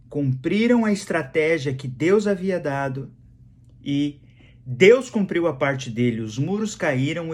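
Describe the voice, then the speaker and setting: Man, Brazilian accent, pastor, sermon, slow unhurried delivery, repeats phrases. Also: on the high side. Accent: Brazilian Portuguese. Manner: conversational preaching, repeats phrases for emphasis.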